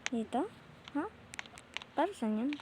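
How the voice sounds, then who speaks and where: A woman's voice: high voice, expressive, measured pace, background noise. A woman from the Philippines giving playful gameplay commentary, muttering to herself as she plays. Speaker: gamer.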